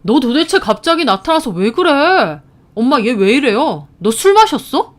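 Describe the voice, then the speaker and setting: A woman's voice: high voice, sing-song, a little slow, pitched above the performer's own voice. A woman voicing an adult man, a defensive older brother who answers in brusque, dismissive retorts. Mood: irritated.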